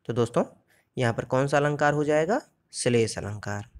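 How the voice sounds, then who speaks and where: A male teacher giving an exam-prep grammar lesson, explaining step by step and asking and answering his own questions. He recites verse examples slowly. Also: mid-range voice.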